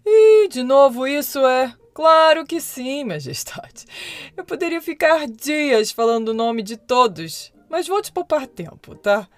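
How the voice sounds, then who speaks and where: A woman's voice: sits high, lively intonation, measured pace, no room sound, voice pushed up. Woman playing a cheeky magic mirror. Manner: cheeky, drawling. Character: sassy talking magic mirror. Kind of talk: storybook reading.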